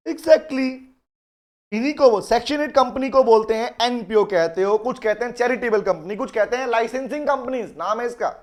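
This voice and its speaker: A male law lecturer runs a live online class in a teasing, playful manner, fondly calling his students "beta". He slows right down to dictate definitions word by word for them to write. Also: very high-pitched. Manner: dictates notes slowly, word by word.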